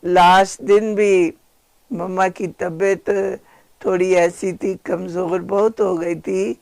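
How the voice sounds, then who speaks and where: An older woman, a spiritual sister, gently and reverently telling memories of her teacher as a slow devotional reminiscence. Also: lowish voice, fairly even intonation, creaky, no room sound.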